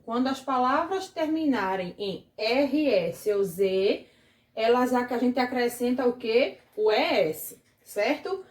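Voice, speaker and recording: A Brazilian woman teacher with a rather high voice talks children through a grammar lesson. She goes slowly and patiently, checking in with the class after each step. The room around her is echoey. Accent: Brazilian Portuguese. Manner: patient, explains slowly, keeps asking the class "certo?". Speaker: primary school teacher.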